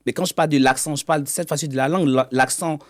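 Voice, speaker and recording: A man's voice: fairly high pitch, fairly even intonation, fast. Man explaining, repeating words as he goes. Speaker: economic intelligence consultant and guest. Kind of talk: conversational explanation in an interview.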